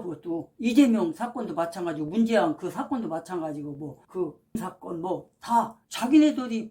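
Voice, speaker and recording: A woman Bible teacher preaching with heat and emphasis in a loose, colloquial way. Her voice sits at an ordinary middle pitch. She acts out angry quoted voices as she goes. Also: dark tone. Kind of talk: impassioned Bible study preaching.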